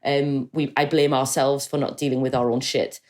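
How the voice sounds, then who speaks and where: A woman's voice: very deep voice, level tone, normal speed, darkish tone. A woman from the UK co-hosting a podcast, candid and wry, calling herself cynical. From United Kingdom. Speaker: podcast co-host. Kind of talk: casual podcast chat.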